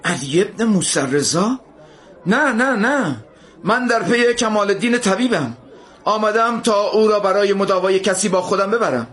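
A man voicing a grief-stricken young man who speaks in a husky, trembling, halting voice. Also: mid-range voice, animated, pitched above the performer's own voice. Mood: bewildered.

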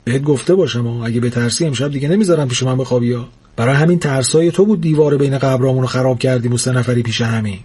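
A skinny storybook ghost, voiced by a man lectures and scolds his friends at a brisk clip. His mid-pitched voice is husky and breathy. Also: warm tone, lightly acted. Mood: scolding. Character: thin, bossy know-it-all ghost.

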